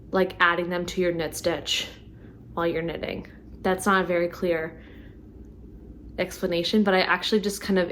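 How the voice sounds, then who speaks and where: Chatty knitting vlogger lady, lowish voice, bit hoarse, faint hiss behind. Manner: chatty, lots of ums and likes. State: losing her voice. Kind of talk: casual chat to camera.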